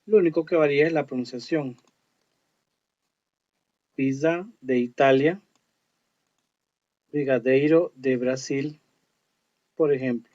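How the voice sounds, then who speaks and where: Slow-talking male English teacher. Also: mid-range voice, a little mellow. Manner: slow, explanatory, reads English words carefully. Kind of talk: online lesson narration. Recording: dull lo-fi audio.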